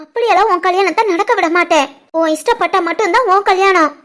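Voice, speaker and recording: Cartoon role: a woman as a steady, reassuring young woman, high and firm. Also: quick pace.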